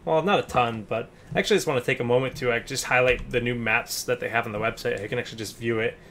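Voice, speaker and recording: A man hosting a casual gaming podcast, talking in an animated way and stumbling over repeated words. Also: medium pitch, fast talker, slight background noise.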